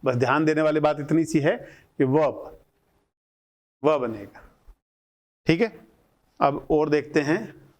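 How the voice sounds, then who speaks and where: A man teaching grammar in a lecture, breaking words into single sounds and repeating them deliberately. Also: on the high side, darkish tone. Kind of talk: classroom lecture explaining at a board.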